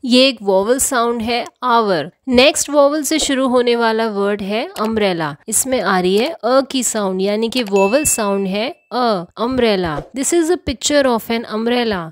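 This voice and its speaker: Narrating a scripted grammar lesson at a measured pace, a woman speaks in a slightly high voice. Each English example sentence gets a deliberate slowdown, and the audio is dry and close-miked without any room reverb.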